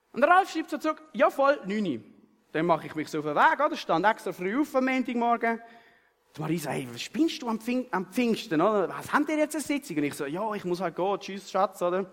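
Man, pastor, Swiss German accent, very high voice, lively storytelling sermon, long reverb of a big hall. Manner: lively storytelling, frequent tag questions.

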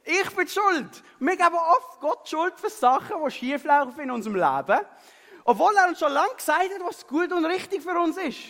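A male pastor with a Swiss German accent preaches in a lively storytelling way, checking in with the congregation after nearly every sentence. His voice sits very high and swings widely in pitch. The sound carries the long reverb of a large hall. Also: normal speed. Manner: lively storytelling, frequent tag questions. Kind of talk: sermon with a personal story.

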